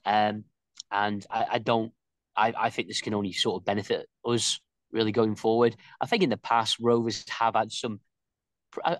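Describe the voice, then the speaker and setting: A man co-hosting a casual fan reaction chat, talking with lots of pauses and restarts. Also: fairly low pitch, dry recording. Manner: hesitant, lots of ums and restarts. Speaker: co-host.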